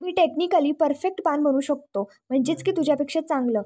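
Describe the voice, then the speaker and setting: A woman's voice: high voice, brisk, warm tone, close to an everyday voice. A boastful, snappy rich young man, as a woman narrator reads his lines. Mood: bossy.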